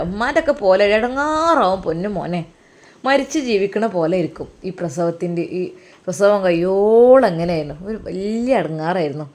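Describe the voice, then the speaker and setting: A woman's voice: medium pitch, darkish tone, natural voice. A woman with a Malappuram accent voicing a fussy, pious older mother who dotes on her children and gives worried advice. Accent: Malappuram Malayalam. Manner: doting, endearments, worried advice.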